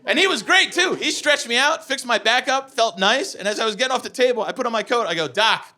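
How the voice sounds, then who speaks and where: A man's voice: very high-pitched, animated, fast talker, pushed and bright. A man in his forties doing a stand-up comedy set, telling brash, profane stories and acting out the quotes. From United States. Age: 40s. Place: comedy club stage before a laughing audience. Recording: live club recording with crowd laughter.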